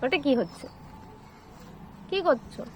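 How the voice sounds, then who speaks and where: A woman's voice: unhurried, darkish tone, slight background noise. A woman talking to her toddler at home, coaxing him in playful baby talk.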